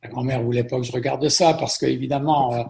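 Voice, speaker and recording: Middle-aged French-born man, interview guest, gravelly voice, chatty storyteller who repeats himself. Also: mid-range voice, steady tone, fast talker. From France. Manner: warm storytelling with frequent repetitions. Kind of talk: conversational interview.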